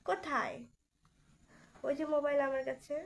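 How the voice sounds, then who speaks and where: A woman's voice: high voice, moderate pace, creaky. A young woman hosting a casual live stream, chatting and teasing as she greets viewers by name, her voice changed by a sore throat.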